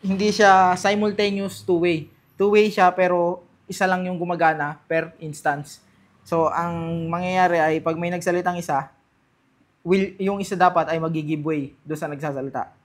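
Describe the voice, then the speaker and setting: Higher-voiced Filipino man, casual unboxing. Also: fairly even intonation, moderate pace. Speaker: gadget vlogger. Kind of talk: casual hands-on unboxing and testing.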